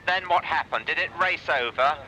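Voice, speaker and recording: A man's voice: a little high, moderate pace. A man directing an experiment from the ground over space radio, instructing politely and somewhat hesitantly. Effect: space radio transmission. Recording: noisy space radio link.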